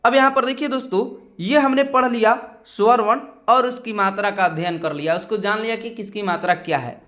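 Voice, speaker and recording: A man with a high, light voice teaches a spelling lesson as a voice-over. He spells out each letter slowly and keeps asking his viewers what it reads. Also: a bit bright. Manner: slow, spells out letters one by one, keeps asking "kya doston?". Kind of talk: screen-recorded Hindi spelling lesson.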